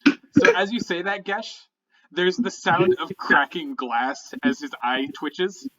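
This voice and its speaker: A man with a bright, slightly high voice runs a tabletop game. He tells the story dramatically and deliberately, leaning into dread. The recording is a little dull and lo-fi. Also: lively intonation, recorded from a distance. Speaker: game master.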